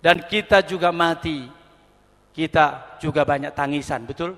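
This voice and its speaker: A middle-aged male pastor from Indonesia preaching a sermon as a story, acting out voices and swinging from quiet asides to shouts. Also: on the high side, measured pace. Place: large indoor arena. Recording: reverberant arena hall.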